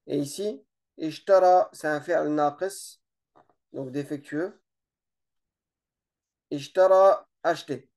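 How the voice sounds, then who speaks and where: A relaxed teacher giving an informal grammar lesson, explaining slowly with many hesitations and repeated words. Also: medium pitch. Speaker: Arabic teacher.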